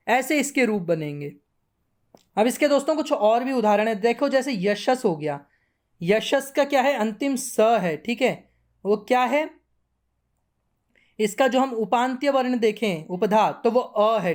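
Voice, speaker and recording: A woman's voice: a little high, a little mellow. A woman teaching a grammar lesson, patiently repeating word forms and checking in with her students often. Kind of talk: classroom lesson.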